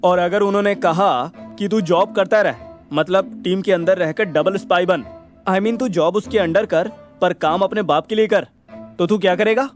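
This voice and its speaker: A man's voice: sits high, normal speed, soft background music, voice pushed up, natural voice. A man voicing a cheeky young male friend who talks in brash, slangy, mocking banter. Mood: earnest.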